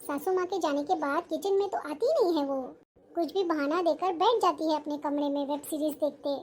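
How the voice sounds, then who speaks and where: High pitched elder sister-in-law played by a woman, patient but fussy, mutters to herself, family drama. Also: moderate pace, a little mellow, lightly acted. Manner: fussing, complaining to herself. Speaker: actor.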